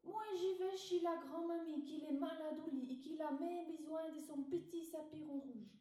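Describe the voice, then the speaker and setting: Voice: high voice, moderate pace, dark tone, very echoey, recorded from a distance, voice pushed up, lightly acted. Naive little red-hooded girl, done by a woman. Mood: eager.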